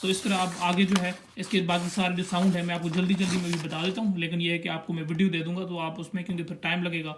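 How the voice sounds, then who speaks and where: A young man with a strikingly high voice gives a language lesson, pointing at a chart and slowly sounding out one syllable after another. His manner is patient and steady, and there's a faint hiss or hum in the recording.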